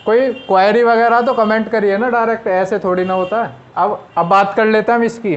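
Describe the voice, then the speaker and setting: High-voiced man teaching shorthand. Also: steady tone, a little fast, a little hiss or hum. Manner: talks while writing on a board, repeats and explains step by step. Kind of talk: casual classroom lesson. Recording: slightly dull, lo-fi sound.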